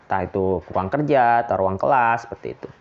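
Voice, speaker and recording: A man from Indonesia explaining English phrases in a relaxed, chatty lesson, with fillers and light laughs. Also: mid-range voice, fast talker, highs cut off. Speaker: English teacher.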